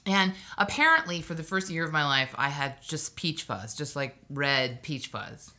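Lowish, bright-voiced woman telling wry stories. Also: lively intonation, normal speed. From Hawaii. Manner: chatty, wry storytelling with asides. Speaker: podcast guest. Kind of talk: casual podcast chat.

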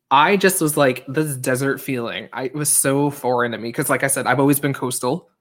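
A man from Long Island, a guest on a podcast, chatting casually with quick asides. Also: medium pitch, fairly bright tone. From Long Island, New York. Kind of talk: casual chat.

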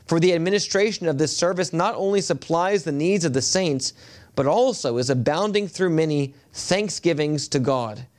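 A male pastor preaching a sermon at a pulpit microphone in a church. He reads scripture in a measured way and often halts with fillers when he speaks freely. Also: a little high, darkish tone. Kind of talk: sermon with scripture reading and prayer. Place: church sanctuary.

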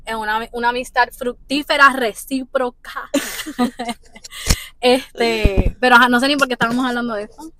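A woman hosting a casual podcast chat, telling stories in an excitable, lively way. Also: on the high side, normal speed, a little hiss or hum. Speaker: podcast host.

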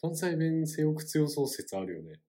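A man's voice: fairly high pitch, sing-song, normal speed, warm tone. A young man co-hosting a casual podcast chat, joking politely and running little quizzes. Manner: polite, joking, quiz-giving. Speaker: podcast co-host.

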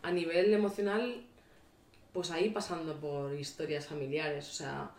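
A woman who is a sexologist, speaking candidly and reflectively, often pausing on fillers. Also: sits low, steady tone, a little mellow, distant mic. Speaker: sexologist guest. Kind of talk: casual podcast chat. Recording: echoey room, voice off-mic.

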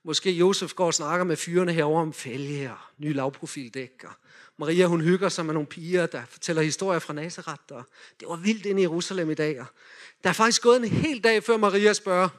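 A man in a lively sermon, retelling a Bible story and directing volunteers as they act it out. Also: fairly high pitch. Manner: animated, directs volunteers with quick cues.

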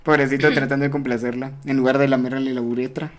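A man's voice: medium pitch, level tone, fast talker. A young Mexican man hosting a casual, crude live podcast close to the mic, joking and laughing often. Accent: Mexican Spanish. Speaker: podcast host. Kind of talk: casual live-stream chat.

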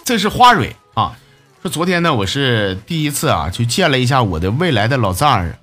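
A man's voice: mid-range voice, sing-song, fairly quick, fairly bright tone, faint music behind. A man hosting a comedy show, reading listener messages aloud and joking with laughs at his own punchlines. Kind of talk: comic radio-style monologue.

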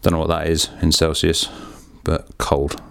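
A man's voice: very deep voice, monotone, a little slow, vocal fry, fairly bright tone, clear, resonant tone. A man hosting a podcast, rambling in a chatty, self-deprecating way with casual swearing as he talks through hands-on work in a small echoey darkroom. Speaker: podcast host.

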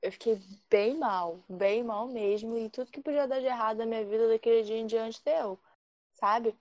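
A woman from Rio de Janeiro, telling a personal story in a lively, animated way and acting out the quotes. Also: a little high, normal speed, dull audio. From Rio de Janeiro, Brazil. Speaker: guest storyteller.

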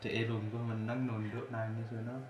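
A man's voice: on the low side, monotone, moderate pace, muffled recording, slight background noise. A young man from Lampung, casually telling a story as a guest, swearing often and laughing through it. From Lampung, Indonesia. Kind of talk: casual chat. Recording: roomy echo.

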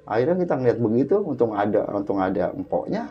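His fairly low voice has a sing-song lilt and a quick pace as this guest casually recounts a dramatic, vivid personal story, constantly addressing the host as "Bang." The dull lo-fi recording carries a little hiss or hum and faint background music.

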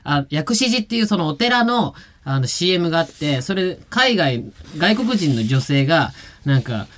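A rock band member chats on a radio show, telling tour stories with a lively, swooping pitch. He's animated and quick with asides. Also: slight background noise. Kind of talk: casual radio chat.

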